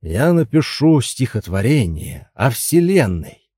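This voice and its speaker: A man's voice: mid-range voice, big pitch swings, takes it slowly, mellow, husky, no room sound, studio quality, exaggerated voice. A man voicing an arrogant poet husband who declaims grandly in a story reading. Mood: grandiose. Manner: self-important, declaiming. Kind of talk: audiobook dialogue reading.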